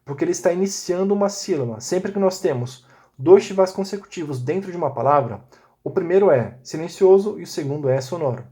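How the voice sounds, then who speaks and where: A man walks through a recorded lesson one step at a time, pausing to check in with his listeners. His voice sits a little higher than most men's, and his pace is patient and methodical. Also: lively intonation, dark tone. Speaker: Biblical Hebrew teacher.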